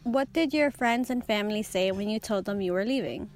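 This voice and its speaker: Soft music plays behind a woman's mid-range, slightly fast voice as she interviews someone for an oral history over a remote video call. She asks short, plain questions and follows up hesitantly.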